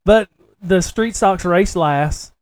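This podcast co-host, known from racing, has a high-sitting, darkish voice and speaks slowly with no room sound. His talk is casual, full of folksy, emphatic, animated storytelling.

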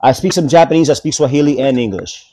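A young man from Tanzania, a guest in a casual chat, joking and excitable, laughing often. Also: mid-range voice, fast talker, noisy background.

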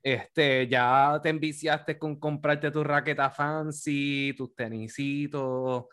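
A man's voice: fairly high pitch, steady tone, takes it slowly, a bit bright, smooth. A young man with a Puerto Rican accent, chatty and teasing in a casual podcast conversation. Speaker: podcast co-host. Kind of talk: casual chat.

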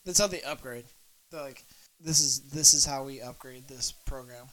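Bright-voiced nerdy man rambling. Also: mid-range voice, moderate pace, slight background noise. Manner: rambling, nerdy, swears casually. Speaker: podcast co-host. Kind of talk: casual chat.

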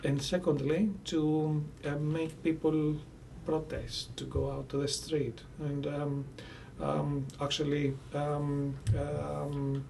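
Halting Greek-accented male academic. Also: fairly high pitch, little pitch movement, creaky, a little mellow. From Greece. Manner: halting, searching for words, deliberate. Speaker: academic researcher, interviewee. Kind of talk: academic interview. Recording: distant mic with faint background noise.

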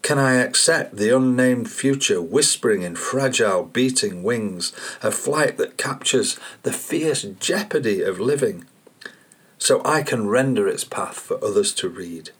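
A man hosting a poetry podcast, reading and reflecting on poems in a measured, contemplative way. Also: mid-range voice, expressive, a bit bright, breathy edge. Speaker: poet and podcast host.

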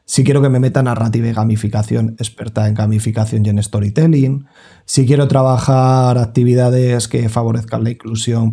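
A man, a guest educator explaining step by step on a podcast, lively with many "eh" fillers. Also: mid-range voice, vocal fry, husky.

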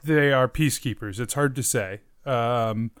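A man's voice: medium pitch, a little slow, clean tone. A man hosting a tabletop game podcast as dungeon master, with a theatrical storyteller's delivery.

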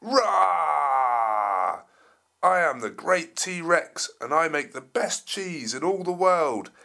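A man voicing an angry, boastful male dinosaur in a children's story, roaring and shouting threats in a raised, higher voice. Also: expressive, drawn-out words, gravelly, exaggerated voice. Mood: furious roar.

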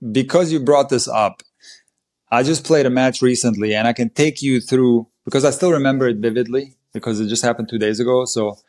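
A man, a tennis coach and podcast guest, tells a match story in an animated, emphatic way. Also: medium pitch. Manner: animated, emphatic play-by-play retelling. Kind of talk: conversational storytelling.

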